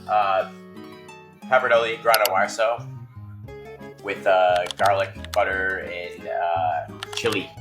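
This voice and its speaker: A man's voice: sits low, steady tone, slow pace, long pauses, over music, poor audio. A male chef chatting casually in a restaurant kitchen, teasing with dry humor. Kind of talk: casual chat.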